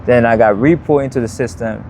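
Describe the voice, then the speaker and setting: A man in his thirties with a Liberian accent recounts his past in a plain, steady way. His voice sits at a middle pitch. Faint city traffic hums behind him outdoors. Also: brisk. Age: 30s. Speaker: interview guest. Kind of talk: personal life story in an interview.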